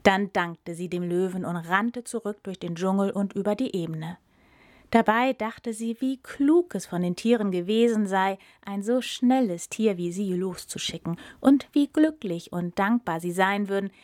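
A woman narrating a children's storybook aloud in a calm, expressive manner. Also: mid-range voice, no echo, studio quality.

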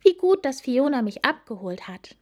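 A woman's voice: high-pitched, very animated, moderate pace, a little mellow, pitched above the performer's own voice. A woman voicing a sleepy female postal snail in a storybook reading. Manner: sleepy, relieved.

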